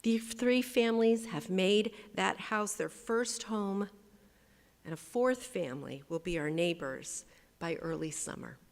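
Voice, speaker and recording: A woman's voice: medium pitch, unhurried, long reverb tail. A woman pastor giving a sermon, speaking emphatically and leading the congregation in call-and-response. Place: church sanctuary.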